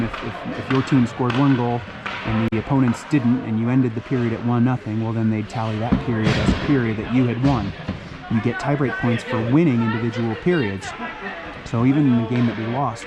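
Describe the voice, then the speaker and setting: A man giving amateur play-by-play of a youth hockey game from the stands, getting worked up and shouting encouragement between chatty, joking asides. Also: mid-range voice, fairly even intonation, fairly quick, over loud music. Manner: chatty asides with dry jokes. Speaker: parent play-by-play commentator. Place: stands of an indoor ice rink. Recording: loud rink background noise.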